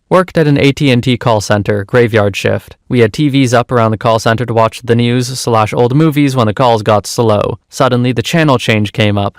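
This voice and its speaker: A man's voice: mid-range voice, no room sound, clean studio sound. A man reading out workplace stories from an online forum as scripted narration, with a wry, amused delivery.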